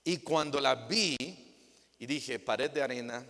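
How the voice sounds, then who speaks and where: Slow-speaking pastor in a reverberant church. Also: male voice, gravelly. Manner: acts out quoted dialogue with shifting pitch and loudness. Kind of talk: sermon. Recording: long hall reverb.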